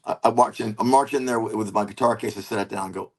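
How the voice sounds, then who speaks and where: A man telling a comedy story in a casual interview, animated and swearing as he acts out his own lines. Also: fairly low pitch, fast talker. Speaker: comedian guest.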